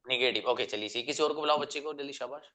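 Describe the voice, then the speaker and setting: A man's voice: mid-range voice, quick pace, sharp tone. A male teacher gives an online lesson. He explains each point patiently, repeats it, and keeps putting questions to the class. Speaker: English teacher.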